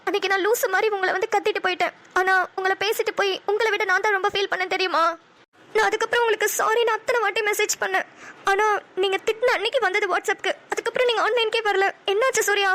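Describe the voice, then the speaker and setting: A woman voicing a gentle comforting businesswoman. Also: extremely high pitch, fairly even intonation, quick pace. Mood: caring, concerned. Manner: soft, soothing, caring. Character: kind young businesswoman, gentle comforting friend. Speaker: cartoon voice actor. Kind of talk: Tamil cartoon dialogue.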